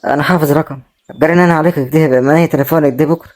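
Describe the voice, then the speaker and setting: Guy doing a proud egyptian brother, brushes it all off, talks fast, kinda high. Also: fairly even intonation, a little mellow, lightly acted. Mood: reassuring. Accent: Egyptian Arabic. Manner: reassuring, brushes off worry. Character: kind, proud brother left poor and homeless. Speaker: actor in a web drama.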